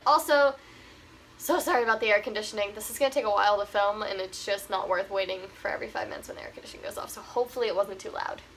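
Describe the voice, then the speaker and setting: A woman's voice: medium pitch, racing, a bit bright. A young woman with a cold, her voice scratchy and cracking, chatting apologetically through a casual ukulele tutorial at home. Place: home room with air conditioning. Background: her own ukulele playing.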